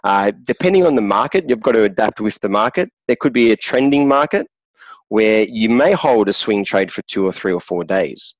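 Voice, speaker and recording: A man, a day trader, explaining his trading in a relaxed interview chat. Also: fairly low pitch, moderate pace, no room sound, lo-fi sound.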